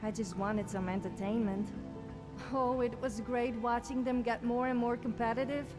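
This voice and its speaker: Sofia, cheeky higher-voiced adventurer voiced by a woman. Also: steady tone, normal speed, natural voice. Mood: smug, amused. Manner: cheeky, self-satisfied, dry. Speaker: video game follower character. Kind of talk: scripted game dialogue. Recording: music behind voice. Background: game music.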